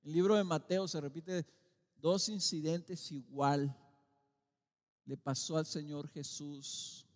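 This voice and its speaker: A middle-aged man with a Mexican accent preaches from the pulpit in a fairly high voice. He swings from loud calls down to near-quiet, stressing words slowly. The hall around him rings with a long reverb. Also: steady tone. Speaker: pastor. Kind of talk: sermon. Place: church sanctuary.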